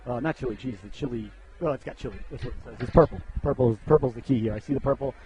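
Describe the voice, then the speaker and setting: A middle-aged play-by-play announcer calls an amateur hockey broadcast, chatting, rambling, and joking with viewers while sniffling from a cold. His mid-range voice is warm and rapid-fire, and the recording is rough.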